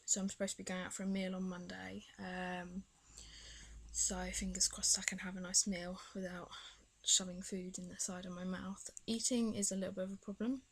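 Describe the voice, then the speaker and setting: A young British woman vlogs casually in a video diary, rambling and hesitant, a swollen tongue slightly impeding her speech. Her voice is medium-pitched, husky and flat, at a moderate pace, on a rough recording.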